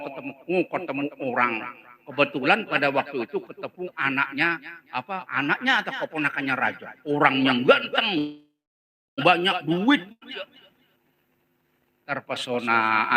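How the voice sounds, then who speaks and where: A man's voice: mid-range voice, lively intonation, moderate pace, poor audio. Male preacher, Banjar accent, joking storyteller, live crowd murmuring behind. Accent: Banjar Indonesian. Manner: jokey, laughs while telling stories, acts out voices. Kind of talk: humorous sermon storytelling. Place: religious gathering. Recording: crowd heard at a live gathering.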